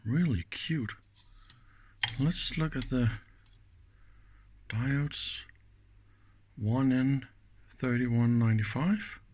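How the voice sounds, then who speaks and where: This is a man with a typical male pitch, taking apart electronics at an unhurried, slow pace. He thinks out loud as he goes, offering loose, unscripted commentary punctuated by brief exclamations.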